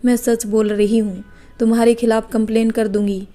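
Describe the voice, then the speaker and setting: A stern young woman teacher, curt and fed up, as a woman storyteller reads her. The pitch is a little high and held flat. The tone is dark and mellow. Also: normal speed, faint music behind, close to an everyday voice. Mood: irritated. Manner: curt, annoyed scolding.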